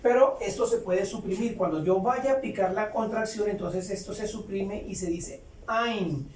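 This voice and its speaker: A man teaching English grammar step by step, repeating each example sentence slowly and patiently. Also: high voice, darkish tone. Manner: slow, repetitive, explains each example twice. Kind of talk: step-by-step tutorial. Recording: roomy, distant mic with faint ambience.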